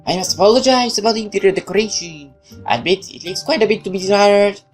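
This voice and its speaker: A woman's voice: medium pitch, fast, voice pushed up, natural voice. An ancient, commanding goddess, acted out by a woman for a fantasy game. She is haughty and formal, with icy courtesy laid over old anger. Music plays along with her. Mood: weary, gracious. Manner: formal, haughty, mock-polite hostess. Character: imperious ancient goddess, cordial mask over rage.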